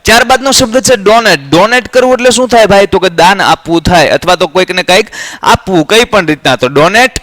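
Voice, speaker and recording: High-voiced Gujarati man drilling vocabulary. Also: a bit bright, dry recording. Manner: drills words slowly, asks students to repeat. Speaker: English tutor. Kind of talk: vocabulary lesson for exam prep.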